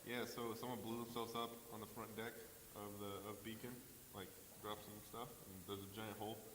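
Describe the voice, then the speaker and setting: A man's voice: on the low side, little pitch movement, brisk. A man co-hosting a casual podcast, telling jokey stories in a playful way. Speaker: podcast co-host. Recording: roomy, reverberant, hissy audio.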